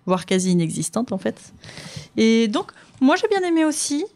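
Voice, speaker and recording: A woman's voice: fairly high pitch, sing-song, moderate pace, a little mellow. A woman presenting books in a casual chat, talkative with frequent fillers and easy laughter. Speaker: book reviewer on a radio show. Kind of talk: casual book chat and reading aloud.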